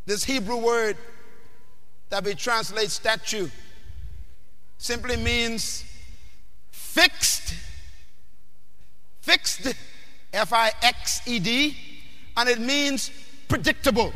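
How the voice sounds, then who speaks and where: High, bright preacher shouting. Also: male voice, very slow, pauses often. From Bahamas. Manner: emphatic, questioning the audience, often shouting. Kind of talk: sermon. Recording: long hall reverb.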